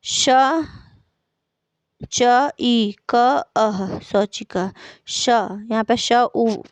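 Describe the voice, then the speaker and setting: A woman's voice: fairly high pitch, steady tone, drawn-out words, no room sound. A woman Sanskrit teacher explaining a school textbook lesson, reading out words and repeating their meanings patiently. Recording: dull lo-fi recording.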